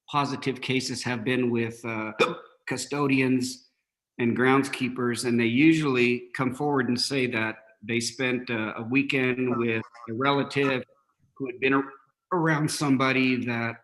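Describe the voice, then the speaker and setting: Man, superintendent at a school board meeting, mid-pitched voice, halting speech with fillers, hiccups. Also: a bit bright, low-quality recording. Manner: halting, many fillers and restarts.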